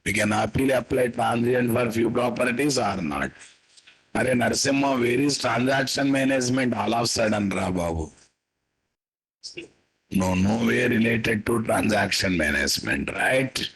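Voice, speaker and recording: A man with a Telugu-influenced Indian accent and a husky voice, teaching a live coding lesson as an instructor, repeating his statements and quizzing listeners with tag questions. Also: medium pitch, normal speed, a bit bright, low-quality recording. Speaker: programming instructor.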